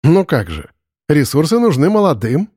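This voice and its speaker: A man voicing a greedy, arrogant young man who talks down to people and flares up fast, in an audiobook. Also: wildly swooping pitch, a little mellow, slightly rough, dry recording, studio quality, exaggerated voice. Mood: condescending. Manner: condescending, then shrill and indignant. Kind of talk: audiobook character voice.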